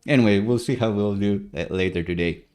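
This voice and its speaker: Streaming live code from a room in his home, a non-native English-speaking man in his thirties keeps things casual, chatty and upbeat, dotting his talk with uhs and little laughs. He speaks briskly, his fairly low voice darkish and clean.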